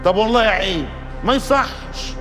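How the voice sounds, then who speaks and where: A man's voice: high-pitched, normal speed, pushed and bright, faint music behind. An actor playing a sly, theatrical middleman in an Egyptian TV drama, speaking with an Egyptian accent. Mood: mock-outraged. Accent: Egyptian Arabic. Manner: theatrical, mock indignant. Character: sly middleman, mock-outraged.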